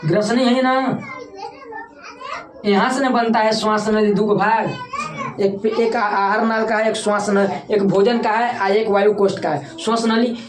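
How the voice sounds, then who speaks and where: A woman's voice: medium pitch, steady tone, measured pace. A woman with a Bhojpuri-tinged Hindi accent, teaching a classroom lecture. She repeats key terms and keeps asking the students to say them back. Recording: echoey room with faint background noise.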